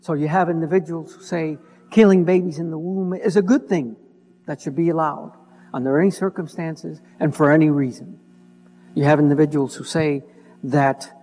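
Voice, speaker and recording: A male pastor preaching an expository sermon, pausing with "uh" and restating points in plain words. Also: fairly high pitch, mellow. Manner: expository, frequent "uh" and "in other words" asides. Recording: long hall reverb.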